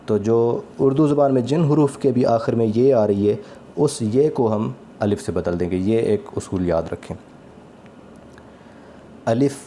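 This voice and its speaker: Man teaching letter sounds, mellow tone, patient, repeats each letter. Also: lowish voice, a little hiss or hum. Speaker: Quran recitation teacher. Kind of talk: slow spoken lesson on letter pronunciation.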